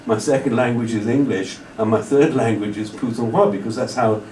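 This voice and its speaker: A male lecturer in a lecture hall answers an audience question at length, rambling discursively with many restarts and "you know"s. His mid-range voice is a little fast and a little mellow. He's captured from far away in roomy hall audio with slight hiss or hum.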